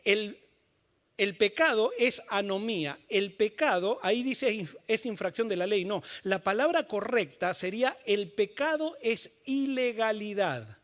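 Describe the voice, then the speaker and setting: A male pastor preaches in church in a strikingly high-pitched voice. He explains scripture through everyday illustrations. He builds his points to forceful emphasis. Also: animated, measured pace. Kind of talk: sermon.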